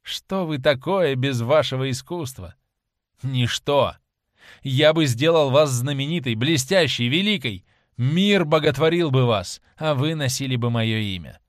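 A man's voice: mid-range voice, expressive, unhurried, no echo, studio quality, natural voice. A man reading as a scornful young man. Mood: furious. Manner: scornful, raised voice. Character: young man, cold, contemptuous and cruel. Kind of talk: audiobook reading.

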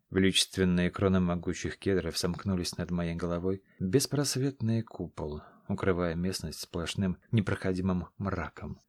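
A man reading scripted first-person fantasy narration in a steady, measured storytelling manner. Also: low voice, dry recording. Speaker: audiobook narrator.

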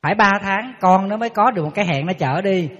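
A man, a Buddhist monk giving a lively sermon to an audience, telling stories and teasing listeners. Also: high voice, fast talker. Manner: lively storytelling, acts out quotes, teasing the audience. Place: large hall with an audience. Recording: lo-fi live hall recording with long reverb.

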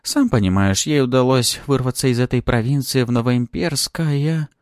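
A man's voice: mid-range voice, moderate pace, no room sound, clean studio sound, voice pushed up, close to an everyday voice. A man reading an audiobook, voicing an ambitious young woman with a wry, playful, mocking manner. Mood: wistful. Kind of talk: audiobook character voice.

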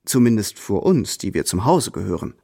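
An actor playing a proud, composed young tutor in a radio drama, speaking in a measured, cool way. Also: male voice, on the low side, very animated, gravelly, dark tone, breathy edge, heavily acted. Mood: defiant. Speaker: first-person narrator and protagonist.

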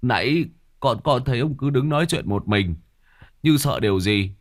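A man's voice: mid-range voice, animated, moderate pace, pitched above the performer's own voice, lightly acted. A man doing a whining young servant. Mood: pleading. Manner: whining, pleading, stammering. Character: hulking young male servant, whining and bewildered.

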